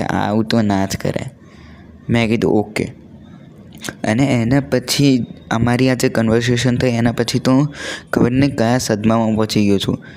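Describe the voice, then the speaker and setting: A young adult male vlogger chats casually and earnestly, telling stories conversationally and mixing in English words. His mid-range voice is a little mellow.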